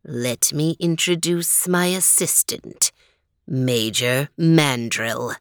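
A woman voicing a sly, gloating male cat who is a criminal mastermind, purring and slow in a storybook reading. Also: low-pitched, dry recording, clean studio sound, voice pushed down. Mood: gloating villainy.

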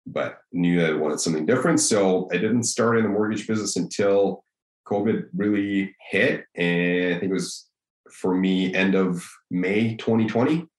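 A man in his thirties from Russia, a native Russian speaker, answers interview questions in a low voice. He tells his story in an easygoing way. His voice bounces around an echoey room. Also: moderate pace. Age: 30s. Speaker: guest, mortgage broker.

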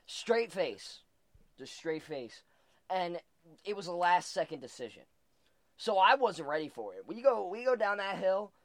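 With no room sound and at a measured pace, a high-pitched young man tells lively stories in relaxed chat, cursing often and laughing along the way.

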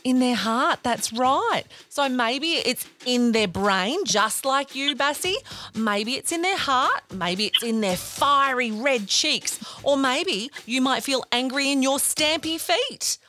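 A woman's voice: high voice, animated, slow pace, bright, forceful tone, a little hiss or hum. A woman hosting a children's podcast, talking to young kids in a gushing, encouraging, sing-song way. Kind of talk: talking to young children, guided feelings exercise.

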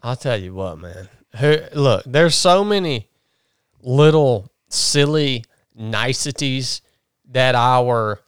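A man's voice: medium pitch, expressive, takes it slowly, smooth, no room sound, studio quality. A man hosting a podcast, ranting bluntly and restarting his sentences. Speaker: podcast host. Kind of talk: casual chat.

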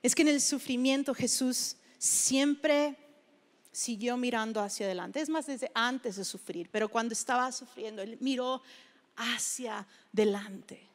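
Woman from Mexico, middle-aged, high voice, animated sermon storyteller. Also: a little slow. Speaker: preacher.

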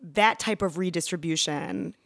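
A middle-aged woman speaks in a slightly low register, thoughtful and conversational, peppering her points with "you know" and "right?" as a guest in a relaxed interview. Her voice sits close and dry, with no room echo. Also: moderate pace, gravelly. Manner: reflective, frequent "you know" and "right?" asides. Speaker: guest, activist and former teacher.

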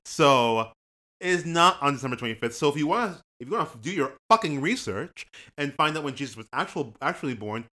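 A man co-hosting a podcast, blunt and quick to swear, laughing readily in casual chat. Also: a little high, lively intonation, sharp tone. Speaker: podcast co-host.

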